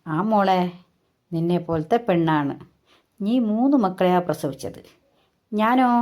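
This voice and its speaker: A woman voicing a very old great-grandmother who consoles her daughter in a slow, soothing way. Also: on the low side, warm tone, voice pushed down.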